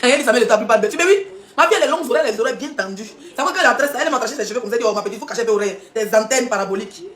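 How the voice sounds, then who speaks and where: Fast, high-voiced ranting woman. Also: lively intonation, fairly bright tone. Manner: mocking and combative, with frequent laughs and rhetorical questions. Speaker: social media live streamer. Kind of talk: heated live-stream rant. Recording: echoey room.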